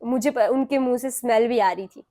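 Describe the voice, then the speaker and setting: Young woman, from Himachal Pradesh, interview guest, animated storyteller, slightly high voice. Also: normal speed. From Himachal Pradesh, India. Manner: animated storytelling, acting out what people said. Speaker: actress, talk show guest. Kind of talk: recounting a personal story in an interview.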